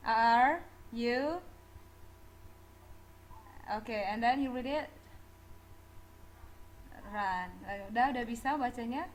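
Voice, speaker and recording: A woman's voice: on the high side, very slow, long pauses, slight background noise, low-quality recording. A woman teaching English in a classroom, mixing Indonesian and English as she drills students on verb forms and pronunciation, with frequent small laughs. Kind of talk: classroom lecture.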